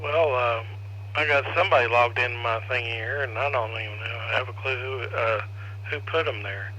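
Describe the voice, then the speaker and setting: Very bright-voiced man hosting a radio net. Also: medium pitch, moderate pace, poor audio. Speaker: host and net controller. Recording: faint noise on radio net audio.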